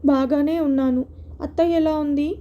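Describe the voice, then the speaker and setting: A woman voicing a gentle, troubled middle-aged wife who speaks softly and sadly. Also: high-pitched, steady tone, normal speed, highs cut off, natural voice. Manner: soft and sorrowful.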